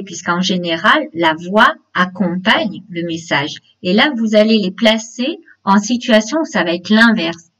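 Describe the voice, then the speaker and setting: A woman leading an online teacher-training webinar, explaining classroom games step by step and speaking directly to participants over a video call. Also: mid-range voice. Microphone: computer mic on a video call. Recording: dull lo-fi webinar audio.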